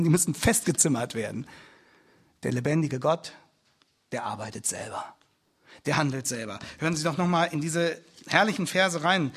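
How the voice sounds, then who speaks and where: A male pastor delivers a sermon in a slightly husky, somewhat high voice. He hammers his points home with repeated phrases and rising emphasis, speaking from the pulpit of a church. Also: fairly bright tone.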